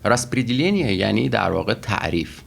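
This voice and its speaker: A man with a fairly low voice teaches a language lesson. He works through each word methodically, stopping often with fillers before moving on. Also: expressive, a bit bright. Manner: methodical, with frequent pauses and fillers. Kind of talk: explaining vocabulary and grammar.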